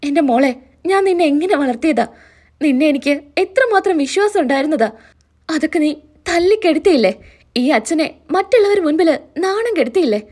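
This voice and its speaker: A woman's voice: high-pitched, expressive, brisk, darkish tone, pitched above the performer's own voice. A woman retelling a story, voicing a heartbroken middle-aged father reproaching his daughter. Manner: sorrowful, reproachful.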